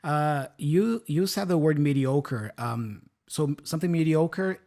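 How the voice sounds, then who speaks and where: Animated yet a little slow and mellow, this higher-voiced Brazilian co-host in his thirties speaks English as a second language with a Brazilian Portuguese accent. He's friendly as he explains words in a relaxed lesson, often asking his listener "right?" or "yeah?"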